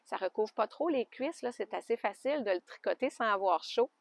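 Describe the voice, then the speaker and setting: A woman with a Québécois French accent chatting casually in a knitting podcast, homey and loose, with soft laughs. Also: a little high, expressive, a little fast, gravelly, no room sound. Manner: chatty, homey, often laughs softly and adds little fillers. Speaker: knitting podcaster and alpaca farmer. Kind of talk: casual show-and-tell chat. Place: outdoors by an alpaca pen.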